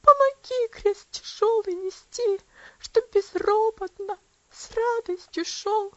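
A woman's voice: very high-pitched, slow, darkish tone, no room sound, muffled recording, pitched above the performer's own voice. A woman reader voicing a devout, loving young girl who cries and pleads in a trembling voice. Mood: tearful prayer. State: crying.

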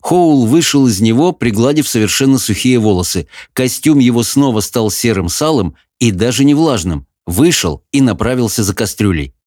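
A man giving expressive, measured audiobook narration of a fantasy novel. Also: mid-range voice, no echo, studio quality.

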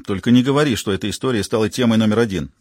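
A man's voice: lowish voice, rapid-fire, a little mellow, no room sound, clean studio sound, close to an everyday voice. A man reading a weary woman medical examiner. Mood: wary. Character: weary female medical examiner, dry and wary.

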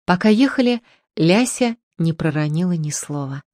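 Calm woman reading an audiobook. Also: on the low side, moderate pace, no room sound, studio quality. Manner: calm, steady literary reading. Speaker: narrator. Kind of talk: audiobook narration.

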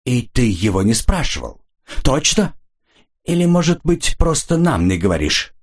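A man voicing a furious, hot-headed Polish man who shouts accusations in a raised voice. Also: mid-range voice, very animated, a little slow, pitched above the performer's own voice. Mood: suspicious.

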